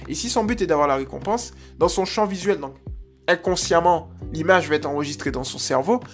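Dog trainer, casual chatty coaching, mid pitch, faint music behind. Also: brisk. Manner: chatty, loose, full of fillers and restarts. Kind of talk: casual spoken coaching advice.

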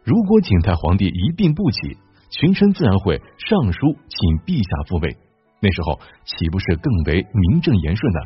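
A man's voice: low-pitched, sing-song, normal speed, husky, recorded from a distance, muffled recording, faint music behind, full character voice. A man voicing an indignant scholar-minister who argues earnestly before the emperor. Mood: persuasive. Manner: earnest, persuasive argument.

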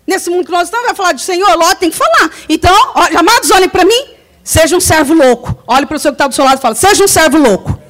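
A high-voiced Brazilian woman preaches to a congregation and shares a personal testimony. She tells her story in an animated way, acting out the dialogue and often breaking into laughter. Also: fast. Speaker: lay preacher.

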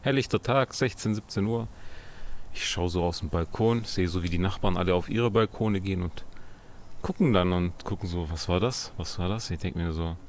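A man's voice: deep voice, normal speed, slight background noise. A young man in casual conversation, telling a story and quoting his parents' lines back and forth. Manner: animated anecdote, quotes his parents in dialogue. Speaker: podcast co-host.

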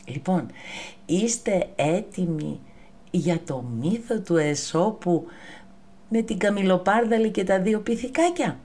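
A woman storyteller narrating a fable for children, often speaking to them directly. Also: lowish voice. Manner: lively, addresses the children directly.

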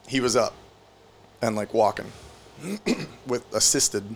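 A young man recounts a story on a casual podcast, his voice sitting in an ordinary middle pitch. He rambles, swears a lot and leans on "like" constantly. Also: expressive, slow pace, creaky, slight background noise. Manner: rambling, profane, lots of "like". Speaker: podcast host.

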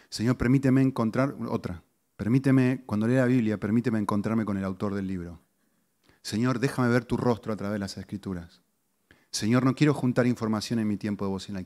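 A middle-aged man, a pastor giving a conversational sermon to his congregation with lively rises in pitch and asides to the listeners. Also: normal speed. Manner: conversational teaching, animated pitch swings, audience asides.

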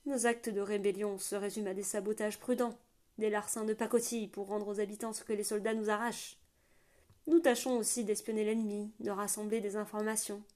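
A woman's voice: mid-range voice, little pitch movement, brisk, mellow, close to an everyday voice. Woman voicing a hearty rebel prince. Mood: solemn, rousing. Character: rebel prince, hearty bearded older man.

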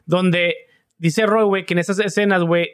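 A man's voice: high-pitched, steady tone, moderate pace. A young Mexican man co-hosting a podcast, telling jokes in slangy casual chat and tacking "güey" onto nearly every phrase. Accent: Mexican Spanish. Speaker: podcast co-host.

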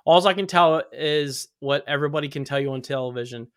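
A man's voice: a little high, brisk, fairly bright tone. A man chatting casually on a podcast, rambling and repeating himself as he talks about losing his sense of smell. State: recovering from covid, no smell. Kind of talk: casual chat.

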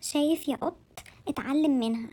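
A woman's voice: high voice, brisk, mellow, a little hiss or hum, lightly acted. A woman voicing a snobbish, mean older office auntie who talks down to people in a bossy way. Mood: snide. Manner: bossy and condescending.

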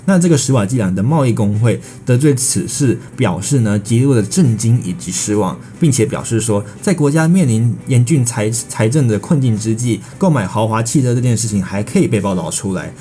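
A Taiwanese-accented Mandarin speaker presents breaking news with a warm, mid-range, animated voice, speaking a little fast with hardly any pauses. He's verbose, restarting words mid-sentence and repeating fillers as he ad-libs between scripted bits, with soft music underneath.

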